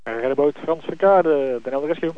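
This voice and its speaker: A man on a coast guard radio channel, his voice sitting a little high and squeezed into a thin, tinny radio band. A steady hiss of static runs under every word. He talks in formal call-and-confirm phrases and often pauses to hesitate. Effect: crackly radio transmission. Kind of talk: marine radio procedure.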